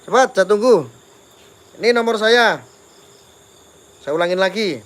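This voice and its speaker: A man's voice: sits high, animated, a little slow, a bit bright. A man with a Javanese accent, ranting on a live stream and repeatedly taunting viewers to phone him.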